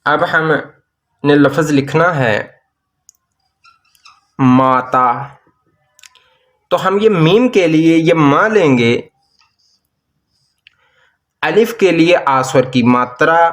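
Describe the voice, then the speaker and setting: A man teaches at a very unhurried pace, his voice sitting a little higher than most men's. He stretches each sound out as he spells whole words piece by piece, like a patient tutor at a desk. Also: expressive, a bit bright. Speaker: language teacher. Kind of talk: slow explanatory lesson.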